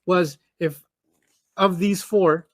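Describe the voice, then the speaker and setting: A man patiently teaching Arabic grammar one-on-one, repeating key points and acting out quick example arguments. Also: high-pitched, fairly even intonation.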